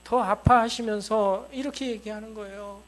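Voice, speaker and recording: A man's voice: high voice, steady tone, moderate pace. A male pastor preaching a sermon in a church. He speaks emphatically and keeps asking the congregation rhetorical questions. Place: church sanctuary.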